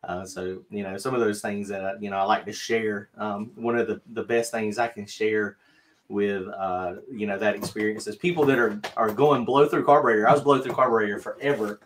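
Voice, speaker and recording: A man's voice: lowish voice, steady tone, fairly quick, a little hiss or hum. A middle-aged man with a North Carolina Southern accent, chatting casually as a livestream host from a home studio, rambling with lots of fillers and restarts. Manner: rambling, self-deprecating, many fillers and restarts. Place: home craft studio, indoors.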